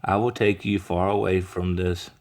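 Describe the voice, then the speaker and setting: A man voices a gruff, lonely storybook grump who keeps insisting he hates cats. He grumbles and sighs in a deep, low voice, a children's story read aloud. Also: little pitch movement, moderate pace, darkish tone. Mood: dismissive.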